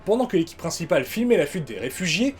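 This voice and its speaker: A man's voice: sits high, big pitch swings, quick pace, faint music behind. A man with a French accent narrating a casual, scripted film documentary, dropping wry, sarcastic asides.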